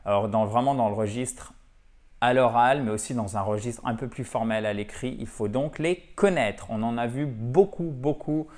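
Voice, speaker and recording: A man's voice: mid-range voice, moderate pace, a little mellow. A man teaching an English lesson, explaining patiently and often checking that students follow. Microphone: camera.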